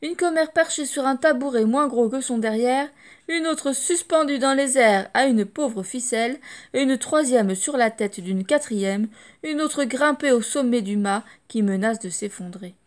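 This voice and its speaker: A woman reading a children's storybook aloud, lively and expressive. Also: high voice, unhurried. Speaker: audiobook storyteller.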